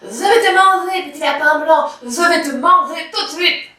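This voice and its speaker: A woman's voice: extremely high pitch, moderate pace, pushed and bright, voice pushed up. A woman voicing a hungry big bad male wolf who speaks with a lisp, in a storybook reading. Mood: greedy. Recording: very echoey room, from far off.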